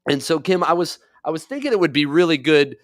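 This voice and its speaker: A man's voice: fairly high pitch, lively intonation, quick pace, dry recording. A man hosting a promotional talk show in a studio, upbeat and salesy, speaking into a desk mic. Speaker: show host.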